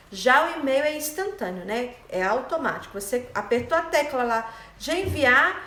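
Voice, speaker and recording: A woman's voice: a little high, a bit bright. A woman teaching a primary school class in a recorded online lesson, explaining patiently and checking in often with her pupils. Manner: patient, explains slowly with frequent "né?" and "tá?". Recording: echoey room.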